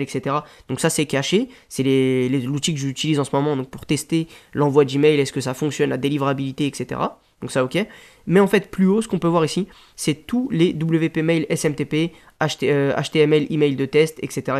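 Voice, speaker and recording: Casual French tutorial guy, slightly high voice, chatty and full of fillers. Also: fairly even intonation, fairly quick, a little mellow. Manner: casual, rambling explanations with frequent fillers. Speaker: WordPress tutorial host. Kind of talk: screen-share tutorial.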